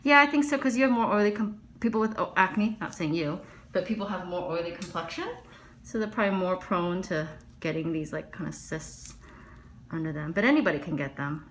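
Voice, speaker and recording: A woman's voice: on the low side, fairly quick, a little hiss or hum. A middle-aged woman dermatologist chatting and telling stories while she works on a patient in a medical office, often dropping to a murmur. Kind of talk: chatting while performing a procedure.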